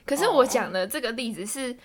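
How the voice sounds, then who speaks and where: Fast-talking young woman co-host. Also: on the high side, expressive. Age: young adult. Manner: chatty, explains at length with many fillers. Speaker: podcast co-host. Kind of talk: casual chat.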